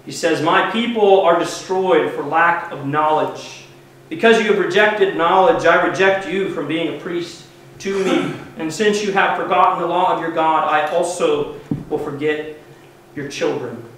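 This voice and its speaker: A man's voice: a little high, measured pace, fairly bright tone, recorded from a distance, a little hiss or hum. Earnest preaching man in echoey church. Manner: earnest, emphatic preaching with swelling stresses. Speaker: pastor. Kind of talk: sermon. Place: church sanctuary, at a wooden pulpit. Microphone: far camera mic, no visible microphone. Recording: very echoey church heard from afar.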